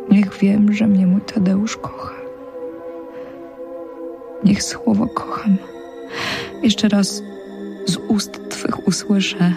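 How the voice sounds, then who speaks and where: A woman reciting verse as a pleading noblewoman at a parting, half in a whisper. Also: mid-range voice. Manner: whispered, lyrical verse reading. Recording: music clearly behind.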